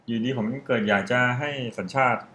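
A man's voice: medium pitch, a little fast, fairly bright tone. A young man co-hosting a casual podcast, explaining at length in a rambling, offhand way and openly admitting he is guessing. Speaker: podcast co-host.

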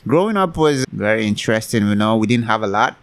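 A man from Nigeria, a guest in a casual podcast interview, talking in a relaxed way and laughing easily. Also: on the low side, fast talker.

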